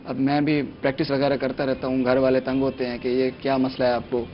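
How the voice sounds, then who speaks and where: A man's voice: medium pitch, completely flat delivery, slight background noise. A young man appearing as a mimicry artist on a morning show, chatting eagerly and mixing in English words. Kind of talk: casual TV chat. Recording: dull lo-fi TV studio sound, faint music.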